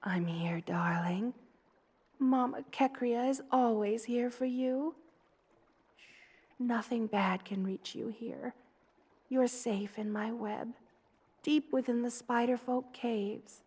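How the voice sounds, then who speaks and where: A woman plays the queen of the spider folk, a doting monster mother, in an intimate ASMR roleplay of personal attention. Her high voice is darkish and husky, moving at a very slow, unhurried pace. She is tender and cooing, sounding soothing yet concerned as she comforts the listener.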